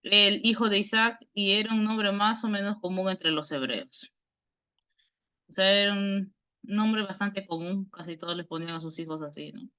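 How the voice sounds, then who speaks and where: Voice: medium pitch, fairly even intonation, normal speed, pushed and bright, clean tone. A Bible study teacher, giving an explanatory lesson over a video call, who tags nearly every phrase with a questioning "right?" and often restarts words while thinking aloud.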